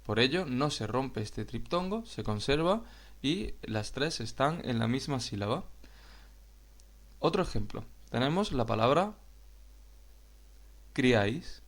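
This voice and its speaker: A man with a Spain Spanish accent, teaching a grammar lesson in a slow, explanatory way and addressing viewers directly. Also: medium pitch, very animated. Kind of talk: video lesson narration.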